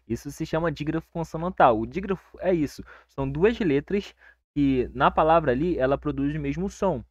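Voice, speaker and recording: A man's voice: fairly high pitch, moderate pace, dry recording. Brazilian guy explaining grammar, chill and reassuring, dry dull lo-fi sound. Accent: Brazilian Portuguese. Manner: relaxed and reassuring, checks in with listeners constantly. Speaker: teacher. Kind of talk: casual grammar lesson.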